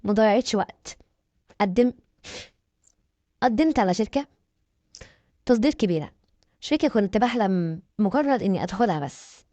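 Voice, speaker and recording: A woman's voice: medium pitch, animated, moderate pace, long pauses, dark tone, no room sound. A woman with an Egyptian accent dramatically narrating a first-person story. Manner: dramatic, emphatic.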